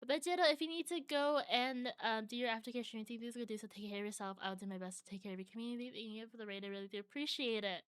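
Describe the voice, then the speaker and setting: A woman's voice: a little high, rapid-fire, few pauses, smooth, dry recording. A woman livestreamer chatting casually with viewers in a cute, bubbly anime-streamer manner. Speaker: variety streamer.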